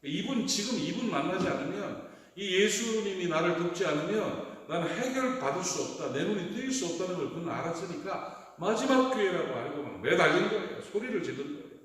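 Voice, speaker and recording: Animated pastor preaching in an echoey hall. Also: male voice, high-pitched, brisk, distant mic. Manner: animated preaching, acting out cries and dialogue. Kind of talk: sermon. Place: church sanctuary.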